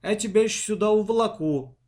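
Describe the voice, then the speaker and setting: A man's voice: high-pitched, brisk, darkish tone, voice pushed up, close to an everyday voice. A man voicing a bold, bossy young girl who snaps commands in a storybook reading. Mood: cocky. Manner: snappy, commanding.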